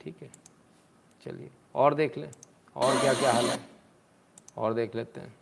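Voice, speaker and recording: Sarcastic man with a gravelly voice. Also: mid-range voice, steady tone, a little slow, very noisy. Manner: sarcastic, mocking, scolding. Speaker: live-stream commentator. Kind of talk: live stream commentary while reading viewer comments.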